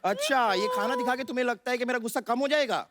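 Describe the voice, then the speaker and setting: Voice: medium pitch, fast, over loud music, close to an everyday voice. A performer voicing a sassy, quarrelsome younger sister and nurse, firing sarcastic comebacks in a studio sitcom sketch. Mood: mock sweet. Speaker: sketch character.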